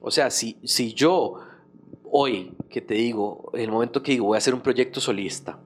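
A man with a Costa Rican accent, a guest musician talking in a relaxed, slangy and animated way in a casual conversation. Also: medium pitch, moderate pace. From Costa Rica.

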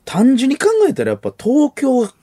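A young man with a Kansai accent hosting late-night comedy radio, animated banter and voiced sound effects. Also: very high-pitched, moderate pace, breathy edge, no room sound, clean studio sound. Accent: Kansai Japanese. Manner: animated, mimics jingles and sound effects with his voice. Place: radio studio. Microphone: studio mic.

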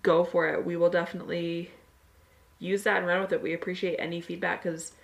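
A woman's voice: on the low side, little pitch movement, a little fast, gravelly. A woman co-hosting a podcast, talking in a casual, conversational way. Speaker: podcast co-host.

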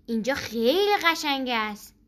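A woman's voice: sits high, expressive, a bit bright. A woman voicing a small, earnest childlike frog in a children's storybook reading.

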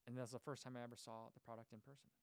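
A man with a medium-pitched voice races through a casual livestream chat on his running channel, delivering it flatly. He reads viewer comments aloud and rambles with lots of fillers and restarts, and the recording is dry.

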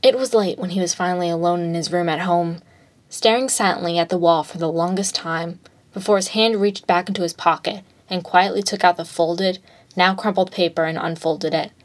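A woman narrating fan fiction aloud in a steady storytelling manner. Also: on the low side.

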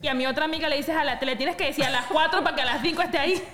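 A woman's voice: high voice, racing, fairly bright tone, in a large hall, faint music behind. A woman from Venezuela, co-hosting a comedic podcast in a bossy, teasing way. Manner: bossy, teasing, laughs often. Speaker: podcast co-host.

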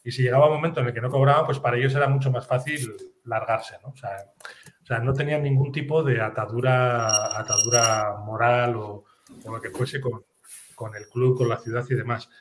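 A man's voice: medium pitch, fairly even intonation, brisk, noisy background. Rambling male interviewer thinking aloud. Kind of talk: casual interview chat.

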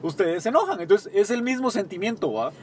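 Young Guatemalan man, co-host, high animated voice, playful storyteller in a car. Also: a little fast, slight background noise. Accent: Guatemalan Spanish. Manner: storytelling, acts out quoted dialogue, joking. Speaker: podcast co-host, small bakery owner. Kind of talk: casual chat. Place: inside a car, parking.

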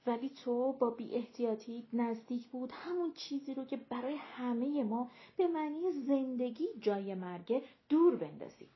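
Lady doing a strict healer woman, cold and scolding, slightly higher voice, lo-fi. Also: lively intonation, natural voice.

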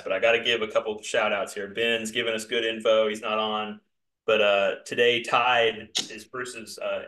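A man with a bright, forceful voice hosts a sports talk show, pushing his points hard in an animated rant. His voice carries a roomy echo from the space around him. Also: lowish voice. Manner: emphatic, animated ranting. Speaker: podcast host. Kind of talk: casual sports chat.

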